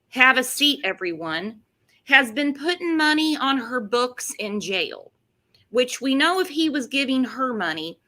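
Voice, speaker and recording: A woman's voice: a little high, sharp tone. A woman hosting a casual true-crime commentary chat, with a sarcastic, mocking edge. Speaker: host.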